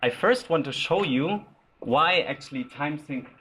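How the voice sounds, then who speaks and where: A man giving an informal lightning talk with a live demo, explaining as he goes in short, halting phrases. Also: a little high, animated, fairly bright tone, a little hiss or hum. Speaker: software developer presenting at a tech meetup.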